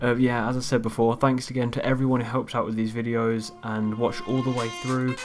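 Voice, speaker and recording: A man's voice: mid-range voice, level tone, brisk, soft background music. A man hosting his own video channel, walking through a game theory recap in an offhand, rambling way that trails off. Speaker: YouTube channel host. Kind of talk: casual narrated video outro.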